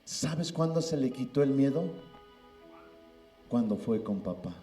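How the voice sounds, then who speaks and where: Lively-voiced man preaching. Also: mid-range voice, unhurried, roomy sound, soft background music. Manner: emphatic, repeats "hermano" often. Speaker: pastor. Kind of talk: sermon.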